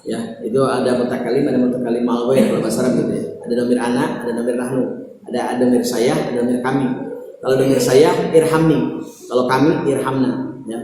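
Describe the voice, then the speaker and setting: A male Indonesian preacher, telling a story in a sermon and acting out its dialogue. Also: fast. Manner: animated storyteller acting out dialogue, rising high when excited. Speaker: Islamic preacher. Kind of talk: storytelling religious lesson. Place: prayer room. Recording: very echoey hall recording, faint hum.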